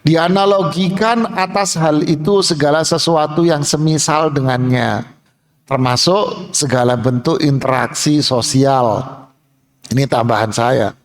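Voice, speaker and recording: A male Islamic preacher speaking to a mosque congregation in a lively, chatty way. He talks in a rather high voice and breaks into everyday examples as he teaches. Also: unhurried. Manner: lively, colloquial, acts out examples. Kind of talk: mosque sermon.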